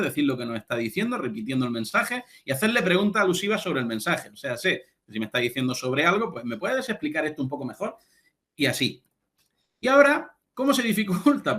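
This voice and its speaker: A man's voice: medium pitch, fairly bright tone. A man lecturing a class, explaining ideas step by step with frequent check-in words and fillers.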